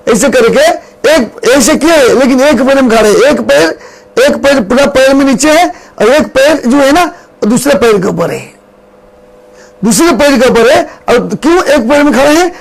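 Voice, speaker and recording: A man is preaching a devotional sermon, acting out a story as he goes. His voice sits very high and carries a gravelly fry. He repeats his phrases and chants verses slowly. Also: rough recording.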